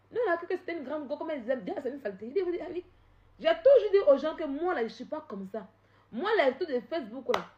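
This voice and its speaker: A woman on a live stream, confrontational and repetitive, swinging from loud outbursts to low scolding. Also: muffled recording. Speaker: social media live streamer. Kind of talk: heated live-stream rant.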